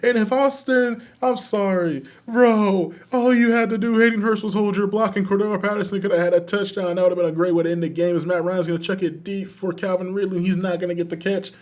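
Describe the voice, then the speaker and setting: A man doing excitable play-by-play commentary over a football video game, calling each play like a sportscaster. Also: high-pitched, a little fast, hardly any pauses. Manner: excitable, calls plays like a sportscaster. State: out of breath at the end. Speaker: YouTube gaming host.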